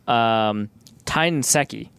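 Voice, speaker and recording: A man's voice: medium pitch, takes it slowly, vocal fry, fairly bright tone, clean tone, dry recording. A man talking casually as a panelist on a sports radio show.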